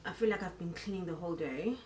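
Fast-talking and fairly low-pitched, a young adult South African woman vlogs about her lifestyle, chatting casually to the camera at home in the kitchen and bedroom. Music plays in the background, and the sound has roomy echo and clear background noise.

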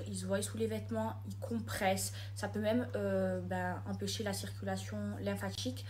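A woman's voice: medium pitch, warm tone, slight background noise. A young woman chatting enthusiastically to her followers in a casual vlog. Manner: chatty, enthusiastic, addresses viewers as girls. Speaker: vlogger.

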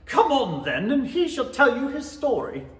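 A man's voice: very high-pitched, huge pitch swings, moderate pace, fairly bright tone, full character voice. A man playing a bad-tempered, imperious queen in a 1930s-style radio play, haughty and commanding in an echoey hall. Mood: bossy. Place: small theatre stage.

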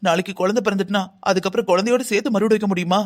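A voice actor playing a calm, firm middle-aged mother in a cartoon drama, soothing but insistent. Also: medium pitch, very fast, lightly acted.

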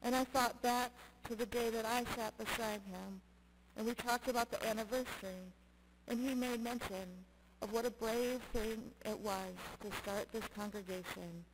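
Here a Lutheran pastor in middle age, female, reads scripture and preaches in short, deliberate, emphatic phrases. Her voice is a little high with a steady tone. The audio, taken through a gooseneck pulpit mic in the church sanctuary, is clearly noisy.

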